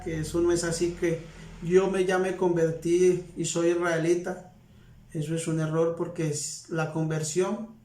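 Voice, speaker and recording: Earnest pastor in an echoey hall. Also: male voice, a little high, a little mellow. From Colombia. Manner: earnest, repetitive preaching. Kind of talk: sermon. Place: congregation hall with audience present.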